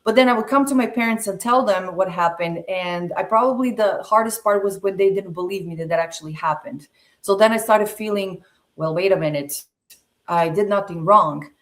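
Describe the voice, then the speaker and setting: A woman in her forties from Serbia, a podcast guest telling her life story in a measured, reflective way with frequent pauses. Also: mid-range voice. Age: 40s. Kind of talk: personal storytelling interview.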